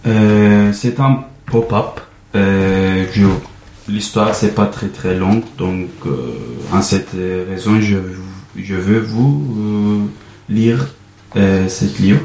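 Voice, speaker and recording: A man with a Turkish accent speaks slowly and hesitantly, pausing often to search for words. His voice sits fairly low. The recording sounds roomy, with a faint background hum. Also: darkish tone. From Turkey. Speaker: guest volunteer presenting a book. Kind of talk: halting read-aloud and chat.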